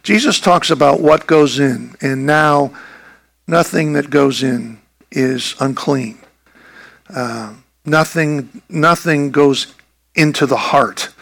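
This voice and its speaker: A man's voice: on the high side, slow pace, creaky, a bit bright. A male pastor preaching a sermon in a conversational, emphatic way.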